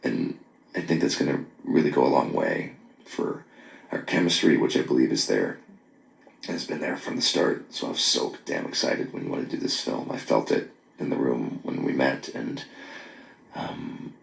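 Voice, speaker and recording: A man leaving a late-night voice message on his phone, earnest and apologetic, talking haltingly with many pauses and restarts. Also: rumbling low, very animated, gravelly. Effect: voice message recorded on a phone. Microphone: phone held close. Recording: echoey phone voice memo.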